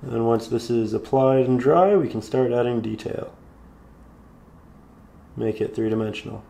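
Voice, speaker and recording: A man calmly guiding viewers through a step-by-step painting tutorial, slightly hoarse, in an unhurried, encouraging way. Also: medium pitch. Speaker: painting instructor.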